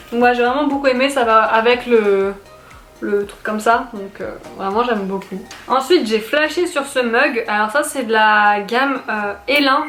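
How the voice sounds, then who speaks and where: A woman's voice: a little high, a bit bright. Chatty young woman in an echoey room. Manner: chatty, rambling, many fillers and restarts. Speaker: beauty and shopping vlogger. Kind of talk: casual haul video chat. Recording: echoey room with faint noise.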